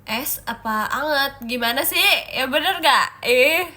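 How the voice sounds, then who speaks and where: A woman's voice: sits high, lively intonation, measured pace, sharp tone. A young woman hosting a casual livestream chat, playful and giggly, teasing her viewers while sick with a cough and a stuffy nose. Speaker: idol livestream host.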